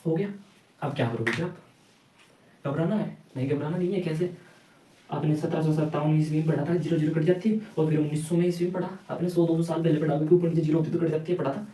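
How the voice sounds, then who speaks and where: A man's voice: a little high, steady tone, fast, warm tone, reverberant, distant mic, low-quality recording. A man teaching a math lesson, who keeps asking the class questions and answering them himself. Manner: rhetorical questions answered himself, repeats "ठीक है".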